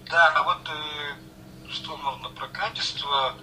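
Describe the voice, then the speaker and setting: A man on a phone call, heard through the phone's speakerphone, talking casually and haltingly with fillers. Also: fairly high pitch, fairly even intonation. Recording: distant noisy phone speaker.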